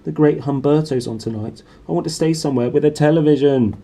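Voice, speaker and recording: A man's voice: on the high side, fast talker, warm tone, pitched above the performer's own voice. A man voicing a spoiled, sulky young boy who whines and complains in a children's story. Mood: whining. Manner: snivelling, complaining.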